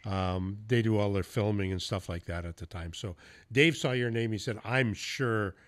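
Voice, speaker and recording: A man's voice: lowish voice, normal speed. A man hosting a podcast, telling hunting stories in a loose, casual way with the odd curse and laugh. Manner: storytelling, loose and profane, with laughs. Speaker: podcast host. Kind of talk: casual interview chat.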